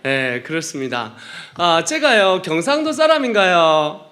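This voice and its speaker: A man's voice: fairly high pitch, very animated, a little slow, bright, forceful tone. A male missionary preacher from Chungcheong who speaks with a Gyeongsang dialect and delivers a humorous testimony sermon in a joking, playful way. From Chungcheong, South Korea.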